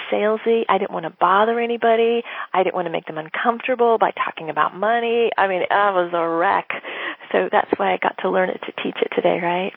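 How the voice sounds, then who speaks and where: A woman's voice: mid-range voice, vocal fry, husky, no echo. Woman coach on a tinny phone-like line. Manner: animated, acts out sales dialogue. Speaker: sales coach. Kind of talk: teaching talk.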